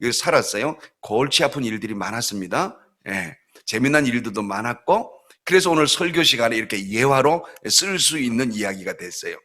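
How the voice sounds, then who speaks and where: Middle-aged Korean pastor preaching, bright forceful tone, acts out voices in his stories. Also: mid-range voice, brisk, few pauses. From South Korea. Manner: animated storytelling, acts out voices, laughs often. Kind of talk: sermon with personal stories. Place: church sanctuary.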